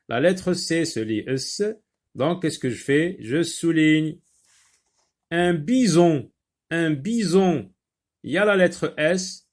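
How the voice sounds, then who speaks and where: A man teaching an early reading lesson. He stretches words out slowly, repeats them, and asks himself questions as he works through examples for young learners. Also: fairly high pitch.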